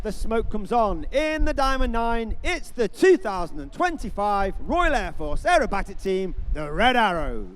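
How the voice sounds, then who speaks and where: High-pitched male airshow commentator. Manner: announcer-like, building up each manoeuvre. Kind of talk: airshow commentary over a public address. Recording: faint noise outdoors at an airshow.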